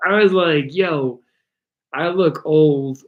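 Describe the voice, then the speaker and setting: With tinny audio, a man whose voice sits on the high side talks slowly in a narrow range while answering livestream viewers' questions. A native Dutch speaker, he rambles a bit in relaxed English, reads chat aloud, and articulates some sounds slightly differently.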